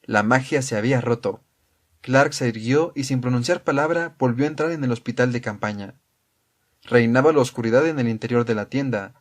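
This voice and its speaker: Calm male audiobook narrator. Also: mid-range voice, a little fast.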